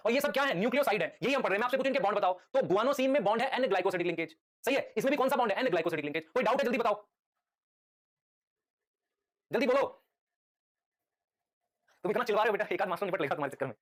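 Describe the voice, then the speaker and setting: During a live lecture, this male teacher's very high-pitched voice patiently quizzes the class again and again with rapid questions, and he calls each student "beta."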